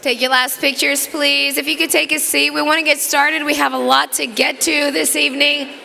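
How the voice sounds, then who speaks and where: A woman's voice: sits high, little pitch movement, normal speed, creaky, sharp tone, slight background noise. A woman who co-anchors TV news, emceeing a live gala in a large banquet hall in a chatty, bantering way that turns solemn.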